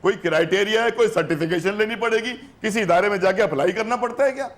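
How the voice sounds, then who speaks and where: A man with a rather high voice argues as a guest on a TV political talk show. He keeps cutting in and pressing the same questions. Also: fast. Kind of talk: heated political debate. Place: TV studio.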